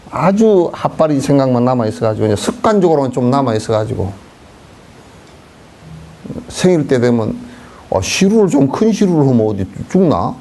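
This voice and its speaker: Folksy, lively-voiced monk telling stories. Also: male voice, fairly high pitch. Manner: folksy storytelling, acting out beggars' songs and dialect. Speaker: Buddhist monk giving a dharma talk. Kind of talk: casual sermon.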